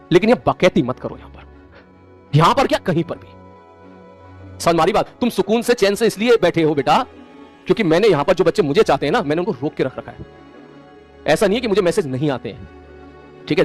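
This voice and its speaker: Man, online teacher, stern scolding lecture, rapid delivery, high voice, faint music behind. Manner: scolding, stern, addresses students as beta. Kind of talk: angry lecture to students.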